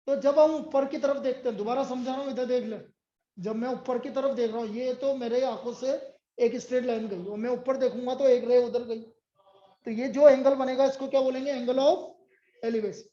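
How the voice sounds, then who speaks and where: A man's voice: very high voice, steady tone, moderate pace, dark tone. A man teaching a class, drilling his students with repeated questions and answers and scolding them sternly. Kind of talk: classroom lecture. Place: indoor classroom. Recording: echoey muffled classroom recording.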